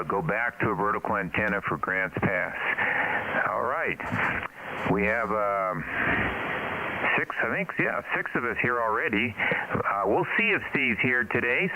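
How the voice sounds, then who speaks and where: A middle-aged man running an amateur radio net as control operator, talking haltingly and procedurally over a two-way radio with static. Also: mid-range voice. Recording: hissy, narrow-band radio with static. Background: radio hiss and static.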